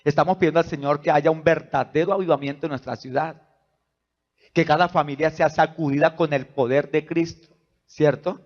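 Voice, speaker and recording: A male pastor preaching a sermon, asking the congregation rhetorical questions and swinging between soft asides and loud, rising emphasis. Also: fairly high pitch, steady tone, normal speed. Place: church. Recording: dull lo-fi church recording.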